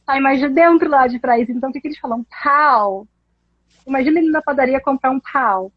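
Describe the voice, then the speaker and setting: A woman, an English teacher explaining pronunciation in a casual chat, animated and laughing often. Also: high-pitched, quick pace, no echo, highs cut off.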